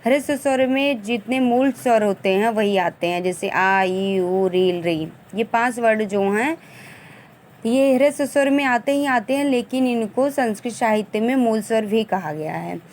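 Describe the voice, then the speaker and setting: Female tutor, slightly high voice, methodical exam-prep lesson delivery, faint background noise. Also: moderate pace, a little mellow. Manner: explains step by step, sounding out vowels and examples; restarts and corrects herself mid-phrase. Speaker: teacher.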